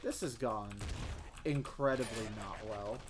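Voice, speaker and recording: A man's voice: mid-range voice, measured pace, noisy background. A man from the Southern US with a Southern accent, rambling and joking through casual gameplay commentary while he streams. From Southern United States. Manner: rambling, self-mocking jokes, sudden excited squeals. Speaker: game streamer. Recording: clear keyboard typing and clicks behind.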